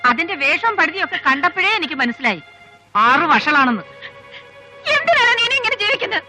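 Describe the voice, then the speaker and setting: An actress playing a proud, furious mother who scolds and throws out her son, shouting in anger. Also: very high-pitched, sing-song, fairly quick, soft background music, full character voice. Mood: scornful. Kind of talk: film dialogue.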